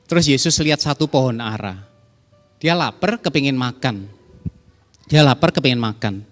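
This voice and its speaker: Man, pastor, lively sermon, talks straight to the congregation, long church reverb. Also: medium pitch, moderate pace. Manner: lively, acts out quoted callers in a raised voice; conversational, addresses the congregation directly. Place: church hall. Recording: reverberant church hall with soft music.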